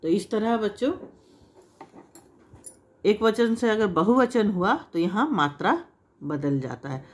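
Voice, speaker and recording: A woman gives a lesson to children at a measured, unhurried pace. She explains patiently, repeating each example. When she demonstrates long sounds, she draws the vowels out. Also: mid-range voice, animated. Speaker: Hindi teacher.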